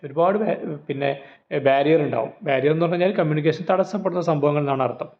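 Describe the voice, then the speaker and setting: A man's voice: fairly high pitch, quick pace. A man teaching an exam-prep lecture, explaining with rhetorical questions and everyday examples. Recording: phone-like narrow audio.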